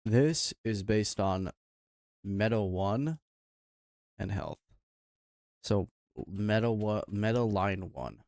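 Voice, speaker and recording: A man's voice: on the low side, slow, long pauses, darkish tone, no echo. A man livestreaming while coding, thinking aloud in a mumbling, trailing-off way. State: talking with his mouth full.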